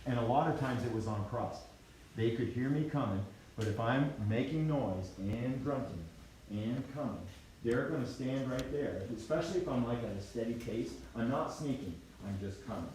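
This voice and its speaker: A middle-aged man talks casually to a live audience, relaxed and folksy, sometimes acting out his calls. His voice sits at an ordinary pitch and carries a heavy hall echo. Faint room noise hums behind him. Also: normal speed, recorded from a distance. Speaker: seminar presenter, deer hunter. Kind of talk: live seminar talk, casual storytelling. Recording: echoey hall, mic from afar.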